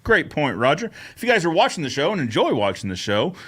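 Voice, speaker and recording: An upbeat man hosts a casual live-stream Q&A, chatting easily and greeting viewers by name. His voice sits a little higher than most men's, and he keeps a friendly, talkative flow going. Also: huge pitch swings, fast, husky. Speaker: host of a live Q&A show.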